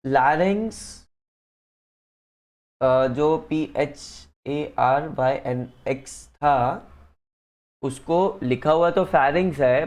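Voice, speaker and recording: A man's voice: on the high side, darkish tone. A man teaching science one-on-one, explaining patiently and mixing in English phrases. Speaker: science tutor. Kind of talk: one-on-one lesson.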